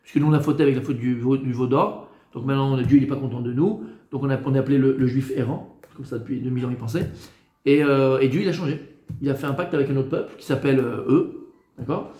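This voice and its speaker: A man, a rabbi, teaching a class in lively style, often asking questions and answering them himself. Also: mid-range voice, quick pace. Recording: echoey room.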